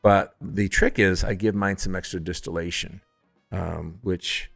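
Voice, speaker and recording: A man with a very low voice tells stories in a casual interview, acting out what people said with a jokey, self-deprecating streak. His voice sounds dry and close, with faint music underneath. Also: unhurried, vocal fry, no room sound. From Upstate New York. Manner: animated storyteller who acts out quotes, jokey and self-deprecating. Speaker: distillery founder and distiller.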